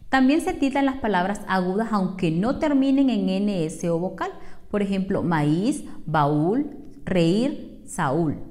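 A woman from Honduras teaching a scripted lesson, speaking slowly and clearly and listing examples one by one. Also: mid-range voice, a little mellow.

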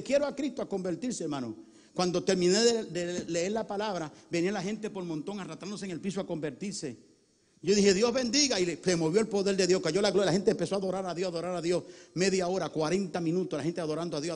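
A man with a high voice preaches a Pentecostal sermon in a large church hall. He shifts between quiet, intimate storytelling and shouted bursts of fervor, repeatedly calling out to the brethren. His voice rings out with a long hall reverb. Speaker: pastor.

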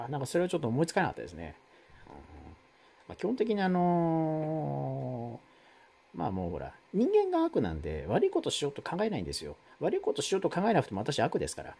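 Husky and mellow with some vocal fry, this man runs a live stream where he talks loosely with his audience and reads their comments aloud. His speech wanders, is packed with fillers, and moves through big pitch swings.

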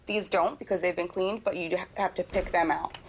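A woman's voice: on the low side, fairly even intonation, fairly quick. A young woman chef demonstrating a recipe in a TV studio kitchen, explaining steps in a friendly way and laughing easily. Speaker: chef guest. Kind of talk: cooking demonstration. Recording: clear noise of sizzling pan. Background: frying sizzle.

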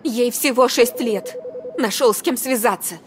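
A woman's voice: on the high side, a little slow, noisy background, close to an everyday voice. A woman playing a protective, practical and anxious hostage in a dubbed game drama. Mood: upset, pleading.

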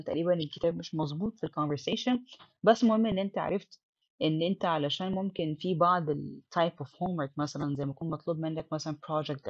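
A woman's voice: deep voice, no room sound, dull audio. A woman with an Egyptian Arabic accent teaching an English lesson, mixing English words into her Arabic explanation.

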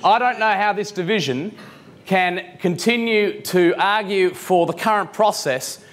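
A man's voice: high voice, measured pace. Young man from Victoria, gesturing animatedly. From Victoria, Australia. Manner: gesturing, lively, fillers like um. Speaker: guest speaker. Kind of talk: animated conference speech. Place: conference hall on stage.

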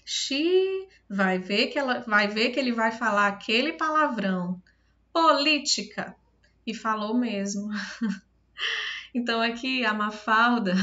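A Brazilian woman teacher talks through a video lesson in a bright, fairly high voice. She goes step by step and keeps asking if everything is clear. The sound is muffled and lo-fi. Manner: patient, step-by-step, often checks understanding. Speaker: Portuguese teacher.

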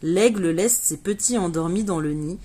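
A woman reading a children's storybook aloud, giving the characters bright, lively voices. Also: on the low side, normal speed, slightly rough. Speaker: reader of a children's book.

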